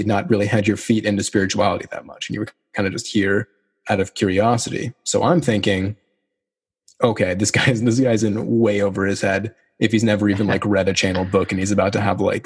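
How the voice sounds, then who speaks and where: A man in casual podcast conversation, relaxed and teasing, with many fillers. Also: lowish voice, fairly quick, breathy edge. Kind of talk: casual chat.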